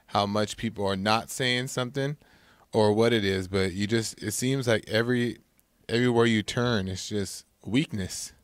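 A man on a talk show panel, speaking haltingly and searching for his words. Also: lowish voice, dry recording. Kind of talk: casual talk show chat.

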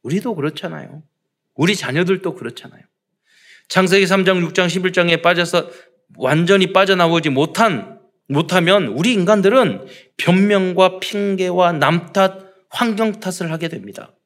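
A man's voice: sits high, moderate pace, fairly bright tone. A man preaching a sermon to his congregation, asking rhetorical questions and acting out parents and children. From South Korea. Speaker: pastor.

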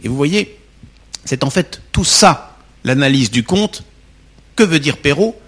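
A man's voice: fairly high pitch, animated, a little slow, fairly bright tone, slightly rough. A man teaching a class, reading a fairy tale aloud and then explaining it, in an unpolished way with repeated words.

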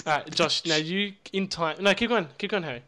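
A young man co-hosting a casual comedy podcast, excitable and swearing freely. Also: high voice, a little fast, background noise. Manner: excitable, swears and laughs often. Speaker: podcast co-host.

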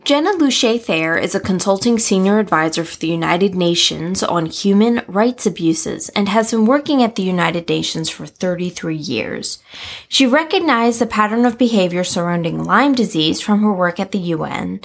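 A woman co-host reading a prepared introduction of the guest in an even, read-aloud way. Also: medium pitch, normal speed, gravelly, husky.

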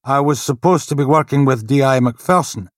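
A man voicing a detective sergeant who speaks in a calm, placating way. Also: medium pitch, normal speed, no echo, studio quality, pitched above the performer's own voice, natural voice.

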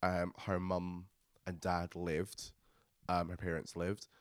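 A man's voice: deep voice, monotone, slow, clean tone, dry recording, studio quality. A man co-hosting a podcast, chattily recapping a TV episode and laughing often. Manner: chatty, laughs often, retells scenes with energy. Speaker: podcast co-host. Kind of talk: casual chat recapping a TV episode.

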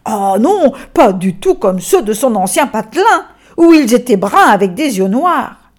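A woman tells a Christmas story to children in a gentle, expressive voice. She reads very slowly and sits somewhat high in pitch. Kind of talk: reading a Christmas tale aloud.

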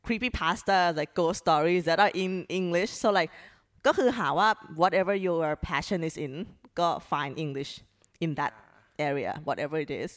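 A woman's voice: on the low side, extremely slow. A woman with a Thai accent hosting a podcast, chatting casually in Thai and English with many "like" fillers. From Thailand. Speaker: podcast host.

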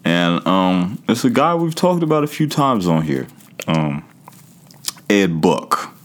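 A man's voice: deep voice, very animated, slow pace. A man hosting a podcast solo in a casual, slangy, conversational way, talking straight to his listeners. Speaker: podcast host.

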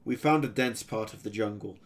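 Male narrator for a fantasy serial; steady, even first-person storytelling. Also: lowish voice, brisk.

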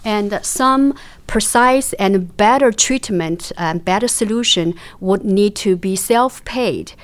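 A woman's voice: mid-range voice, slow. A woman interpreter giving an English translation voice-over for a Chinese speaker, hesitant, with frequent filler sounds. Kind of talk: consecutive interpretation.

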